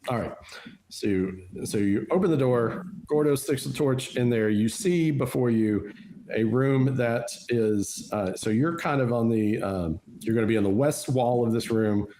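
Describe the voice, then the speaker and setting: A man's voice: mid-range voice, unhurried, dark tone, slight background noise. A man running a tabletop role-playing game as game master, explaining rules and describing scenes patiently with many fillers and restarts.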